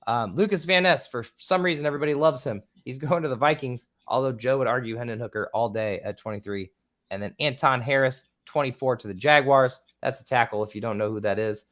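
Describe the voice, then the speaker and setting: A man's voice: medium pitch, fairly quick, fairly bright tone. Casual man reading off draft picks. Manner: rattles off picks with filler ums; swears casually. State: voice a bit squeaky. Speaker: podcast host. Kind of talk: casual podcast chat.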